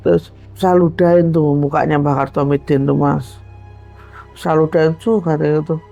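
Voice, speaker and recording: A woman's voice: sits low, little pitch movement, moderate pace, vocal fry, warm tone, soft background music. A woman with a Javanese accent animatedly telling her own supernatural story and acting out the voices in it. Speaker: guest storyteller.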